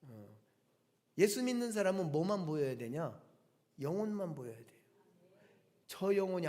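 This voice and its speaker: In a church sanctuary with long reverb, a male pastor with a fairly high, darkish voice preaches a Sunday sermon. He addresses the congregation directly, using rhetorical questions and emphatic repetition.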